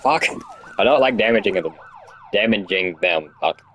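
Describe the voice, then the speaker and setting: Deep-voiced young stoner man rambling over gameplay. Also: expressive, normal speed, a bit bright. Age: young adult. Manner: stoned, rambling and easily sidetracked; swears freely. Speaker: gamer recording commentary. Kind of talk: casual gameplay commentary.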